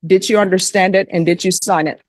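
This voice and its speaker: Woman, judge, measured formal delivery, courtroom, dry close sound. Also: medium pitch, steady tone, darkish tone, dry recording. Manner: measured, formal reading of legal admonishments.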